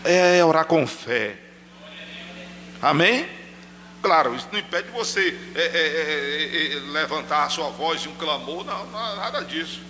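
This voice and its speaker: A high-voiced man preaches into a microphone in a church, addressing the congregation directly and acting out shouted pleas. His tone is very bright and piercing, and a long hall reverb trails each phrase. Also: lively intonation, measured pace, a little hiss or hum. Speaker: pastor. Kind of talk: sermon. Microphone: handheld microphone.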